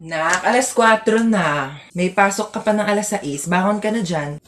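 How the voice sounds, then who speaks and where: A woman's voice: deep voice, animated, normal speed, roomy sound, pitched below the performer's own voice. A woman voicing a caring mother who coaxes her sleepy child out of bed for school, in a noisy home recording. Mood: coaxing. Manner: coaxing, then insistent.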